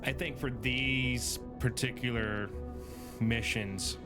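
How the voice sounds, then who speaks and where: A man's voice: medium pitch, steady tone, slow pace. A tired young man casually commenting on his game, thinking aloud with fillers as he goes. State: tired, yawning. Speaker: gaming streamer. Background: game music.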